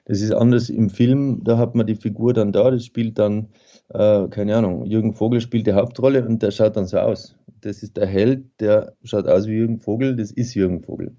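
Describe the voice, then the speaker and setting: A man's voice: on the low side, steady tone, moderate pace, dark tone, highs cut off. A male author, talking through his writing in a rambling, thoughtful way with many fillers. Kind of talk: conversational interview.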